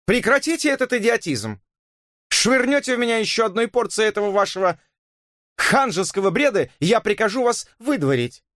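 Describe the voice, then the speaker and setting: A man's voice: sits high, big pitch swings, fairly quick, a bit bright, dry recording, studio quality, pitched above the performer's own voice. A man doing a scornful, languid woman. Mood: angry. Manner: cold, sarcastic drawl. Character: languid, scornful grown woman, sharp-tongued.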